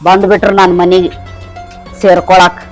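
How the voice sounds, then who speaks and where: A woman's voice: on the low side, level tone, moderate pace, soft background music, natural voice, low-quality recording. An actress playing a scornful, rich village stepmother-in-law, speaking with a North Karnataka accent. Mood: contemptuous. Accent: North Karnataka Kannada. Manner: taunting, contemptuous. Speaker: actor.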